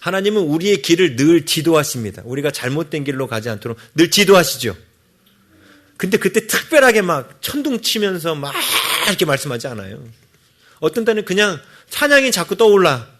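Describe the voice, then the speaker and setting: A man preaching a sermon as pastor, with an animated delivery that keeps asking the congregation to agree. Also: a little high, brisk. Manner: animated, acts out quoted voices, asks the congregation for agreement.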